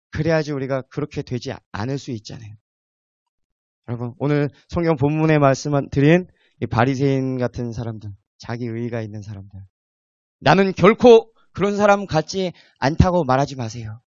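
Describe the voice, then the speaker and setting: A male preacher delivering a sermon, swinging from emphatic peaks to soft asides and asking the congregation questions. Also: a little high, no echo, muffled recording.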